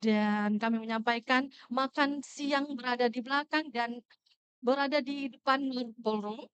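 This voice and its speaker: A woman's voice: on the high side, a little slow, fairly bright tone, clean tone. A woman working as an event emcee, giving polite, formal announcements into a microphone at a ballroom event.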